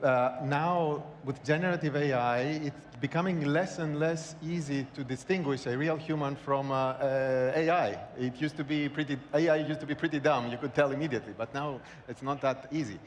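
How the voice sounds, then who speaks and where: A man giving remarks as a conference panelist, with a halting, searching delivery. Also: fairly high pitch, steady tone. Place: large conference hall. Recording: echoey hall, background noise.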